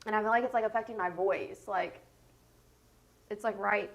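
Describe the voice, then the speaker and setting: A woman's voice: mid-range voice, moderate pace, gravelly, rough recording. A woman in her thirties, congested and stuffy-nosed, chatting in a rambling way with lots of fillers as she hosts a get-ready-with-me vlog from home. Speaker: beauty vlogger host. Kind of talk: casual get-ready-with-me chat.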